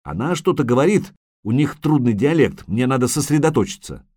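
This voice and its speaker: A man's voice: mid-range voice, animated, brisk, dark tone, breathy edge, dry recording, clean studio sound, voice pushed up. A man playing Geralt, a stern, weary witcher who talks in a terse, patient way.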